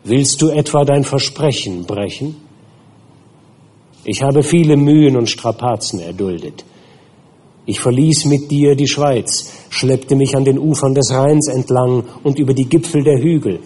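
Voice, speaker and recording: A man voicing a bitter, menacing male creature in an audiobook reading, with hushed, dragging threats. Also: mid-range voice, measured pace, husky, pitched above the performer's own voice.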